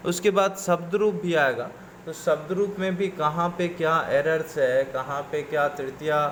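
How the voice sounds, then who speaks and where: A man's voice: a little high, fairly even intonation, moderate pace, fairly bright tone, slight background noise. A man teaching a coaching class, reciting word forms in patient lists and mixing English words into his explanations.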